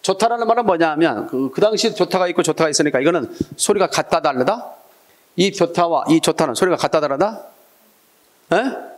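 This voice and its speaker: A man's voice: fairly high pitch, expressive, brisk. A middle-aged man giving an exam-prep lecture, drilling students with repeated questions and call-and-response prompts.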